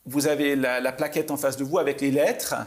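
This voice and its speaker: A man, a mentalist host leading a guest through a calm guided visualization with soft, hesitant instructions. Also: mid-range voice. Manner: soft, slow, suggestive instructions with hesitant restarts.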